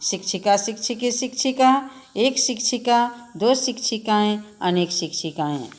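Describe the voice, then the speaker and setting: A woman's voice: mid-range voice, a little slow. A woman teacher giving a lesson to children, reciting word forms in a sing-song drill and speaking to them patiently. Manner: addresses children directly, patient and instructive.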